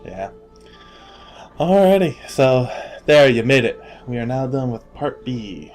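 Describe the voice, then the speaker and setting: A man's voice: medium pitch, very animated, measured pace, darkish tone, faint music behind. A man hosting a casual gaming podcast, joking around and laughing often, trailing off into fillers as he talks. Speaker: podcast host.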